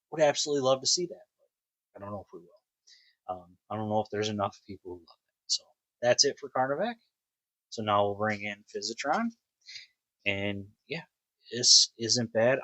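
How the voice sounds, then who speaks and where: Man, casual toy review, slow unhurried speech, musing with ums, fairly low voice. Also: fairly bright tone, dry recording, rough recording.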